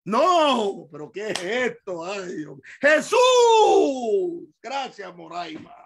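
A male pastor leads a Bible study in Spanish and presses the key points again and again. He speaks slowly and deliberately, firing questions at the room. He drops to quiet asides, then rises to shouted emphasis. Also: high-pitched, big pitch swings. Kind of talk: teaching Bible study to a congregation. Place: church hall.

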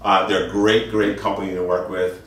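A middle-aged man speaks as an audio dealer, informally showing off products with emphasis and a habit of repeating phrases. His low voice moves little in pitch, runs at a normal speed, and sounds slightly bright. A handheld camera a few meters off captures him in an echoey, wood-floored indoor listening studio, with music playing in the background.

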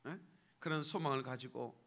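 Standing in the church sanctuary, a man preaches at normal speed in a mid-range, slightly bright voice. His casual sermon keeps asking the congregation to agree with him, and he raises his voice in sudden emphatic bursts.

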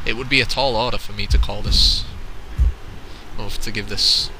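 A man doing goofy, pun-filled play-by-play wrestling commentary, full of excited exclamations. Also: on the low side, normal speed, noisy background.

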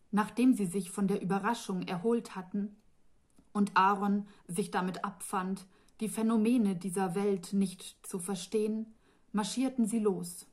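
A woman author narrating her own fantasy novel in a calm, measured storytelling manner. She reads slowly and evenly in a mid-pitched voice.

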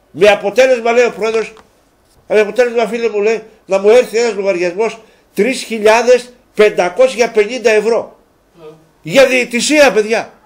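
Rambling, fired-up male sports host. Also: sits high. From Greece. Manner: rambling, repeats phrases, gets worked up and loud when ranting. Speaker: local TV sports show host. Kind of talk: casual sports talk to viewers. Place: local TV studio.

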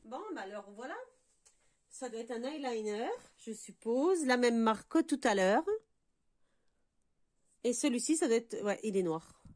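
A woman's voice: fairly high pitch, lively intonation, a little slow, pauses often, a little mellow. A middle-aged woman from France chatting casually as she unboxes beauty products, full of enthusiastic exclamations. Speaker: beauty vlogger.

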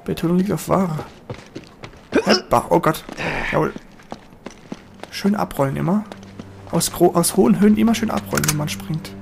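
Gravelly man swearing through gameplay. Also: sits high, brisk, pauses often. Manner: excitable, swears at enemies. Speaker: let's player. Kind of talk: gameplay commentary. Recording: voice over game music and gunfire.

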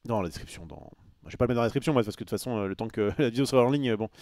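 A man's voice: medium pitch, very fast, a little mellow, no echo, studio quality. A man chatting casually on a live stream, rambling with many fillers and restarts and answering his chat.

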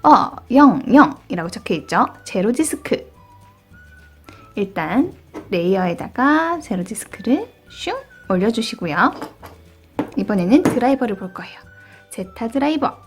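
High, animated woman presenting toys to kids. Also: unhurried, faint music behind. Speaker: children's toy channel host. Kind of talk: cheerful toy review presentation for children.

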